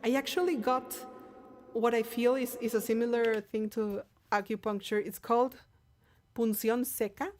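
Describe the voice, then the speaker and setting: With a higher-pitched, darkish voice and fairly even intonation, this woman talks at a moderate pace to viewers of her live stream. A singer and native Spanish speaker with a Mexican accent, she's chatty and candid, often restarting and repeating words.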